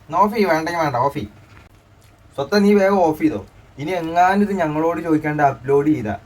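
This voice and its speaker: A man's voice: fairly high pitch, lively intonation, fast, darkish tone, far from the mic. A middle-aged man playing the joking father in a family comedy skit, scolding and teasing and repeating himself.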